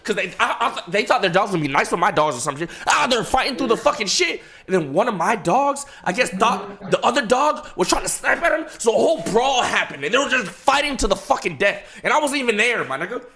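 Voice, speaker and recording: Bright, lively man retelling a crisis. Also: high-pitched, brisk, hardly any pauses. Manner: stammering, repeating words, swearing. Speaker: streamer telling a story. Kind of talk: emotional casual storytelling.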